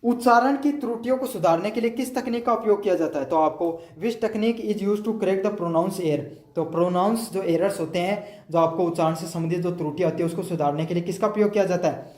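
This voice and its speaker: A man's voice: sits high, brisk, darkish tone, echoey room. A man tutoring students through exam questions, asking his own questions aloud, answering them and repeating each point in other words. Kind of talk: explaining multiple-choice answers.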